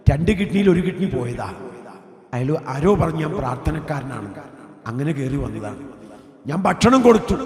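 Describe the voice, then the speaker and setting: A man from giving an emotional testimony sermon, dropping to a hush and then rising to loud, high cries. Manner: swings from hushed, near-whispered lines to loud, high cries. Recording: echoey hall reverb.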